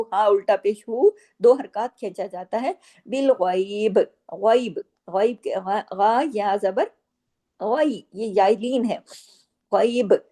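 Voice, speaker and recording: A woman teaching Quran recitation, patiently explaining each rule and repeating words slowly. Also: a little high, warm tone. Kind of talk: slow tajweed lesson with recited phrases.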